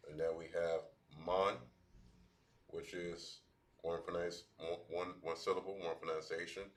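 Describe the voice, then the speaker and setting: A man teaching a language class at a board, talking in halting bursts with many restarts. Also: low voice, little pitch movement.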